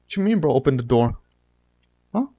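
A man hosting a reaction video, giving casual commentary in an animated, slangy, ranting way. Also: mid-range voice, brisk, noisy background.

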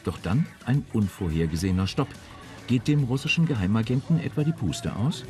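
A man narrating a car magazine report in a measured, informative voice-over. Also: on the low side, animated. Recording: voice-over with music beneath.

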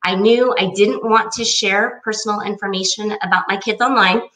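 A woman in her forties tells her own story in a lively, chatty way. Her voice is bright and forceful, and she sits some way from the mic. The room around her is echoey. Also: mid-range voice, normal speed, recorded from a distance. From United States. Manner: chatty and enthusiastic, acts out quoted voices. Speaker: cookbook author. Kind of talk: personal storytelling talk.

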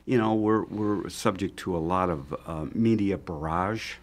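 Deep-voiced older man, halting speech. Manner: halting, many fillers and restarts. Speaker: chef, guest. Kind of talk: casual studio interview. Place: TV studio. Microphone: desk microphone on stand.

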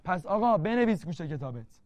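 Playful high-voiced literature teacher. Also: male voice, very animated, a little mellow, no room sound. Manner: playful, teasing, repeats key terms to drill them. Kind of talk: exam-prep literature lesson. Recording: dull lo-fi dry sound.

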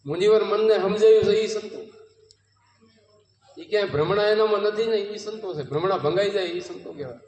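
A man's voice: sits high, fairly quick, darkish tone. A man with a Gujarati accent giving a devotional satsang sermon, telling parables and asking rhetorical questions. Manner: storytelling, rhetorical questions, quoting devotional verses. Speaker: satsang preacher. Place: home courtyard gathering. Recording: roomy, distant mic with long reverb.

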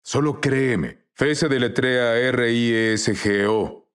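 A man's voice: medium pitch, fairly even intonation, slow, a bit bright, clean tone. A man as the guest minister in a dubbed interview, telling testimonies earnestly and acting out quoted dialogue.

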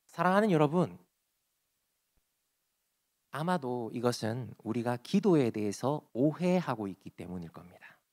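A man preaching a sermon as pastor, acting out pleading prayers and dropping from loud to soft. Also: fairly high pitch. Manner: acts out pleading prayers in quoted voices, swings loud and soft. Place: church sanctuary.

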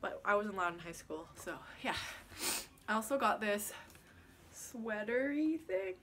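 A woman's voice: medium pitch, sing-song, a little slow, fairly bright tone, slight background noise. A young woman from Canada chatting casually to her phone camera in her bedroom, filling her talk with "like" and "yeah". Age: young adult. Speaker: vlogger. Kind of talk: casual vlog chat. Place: small bedroom indoors. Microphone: phone camera at arm's length.

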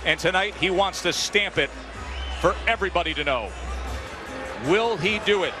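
A man's voice: high-pitched, moderate pace. A man giving live TV boxing commentary in short, dramatic, punchy phrases. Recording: crowd and music behind. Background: arena crowd and music.

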